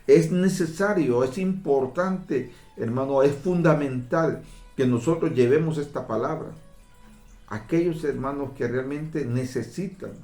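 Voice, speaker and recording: A man delivers a fervent sermon, repeating and stacking his phrases as he calls out to his brothers. His voice sits at an ordinary pitch. The room around him rings with echo. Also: measured pace, warm tone, soft background music. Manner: fervent, repetitive, addresses listeners as brothers. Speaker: preacher.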